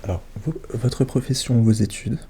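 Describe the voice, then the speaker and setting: Man, ASMR role-play, soft-spoken ASMR psychologist, very mellow, hushed, attentive questions, slight background noise. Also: medium pitch, normal speed. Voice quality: soft, hushed voice drifting into speaks softly. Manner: gentle, attentive questioning with short murmured acknowledgements.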